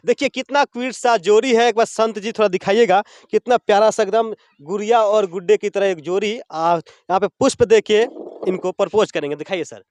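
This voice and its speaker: A man's voice: sits high, moderate pace, darkish tone, dry recording, clean studio sound. A man from Bihar interviewing a couple on location for a news channel, chatty and prompting with short fillers.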